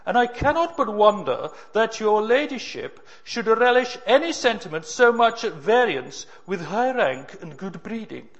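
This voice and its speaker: A man's voice: high-pitched, sing-song, a little slow, hardly any pauses, a bit bright, highs cut off, pitched above the performer's own voice, full character voice. A man putting on a pompous grand old lady. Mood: indignant. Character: haughty aristocratic old lady, indignant. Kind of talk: acted quote in a sermon.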